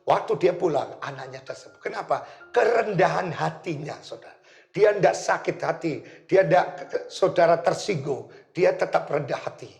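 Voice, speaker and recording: A pastor preaching a sermon, telling stories and acting out the voices of the people in them. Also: male voice, fairly high pitch, normal speed, gravelly. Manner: animated storytelling, acting out voices. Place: church. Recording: echoey church with faint music.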